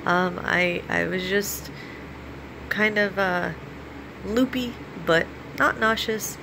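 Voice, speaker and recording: An American woman vlogger talking casually and giving practical advice, explaining things in an informal, halting way. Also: medium pitch. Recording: clearly audible steady background noise.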